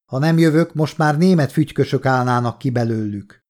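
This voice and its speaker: Gruff mocking partisan commander, as a male narrator voices him. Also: medium pitch, a little mellow, natural voice.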